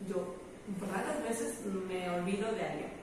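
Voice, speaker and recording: A woman's voice: mid-range voice, a little slow. Young mexican woman telling stories with lots of slang, sounds far off in an echoey room. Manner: slangy, animated storyteller, laughs often. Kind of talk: casual chat. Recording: roomy echo, far from mic, faint noise.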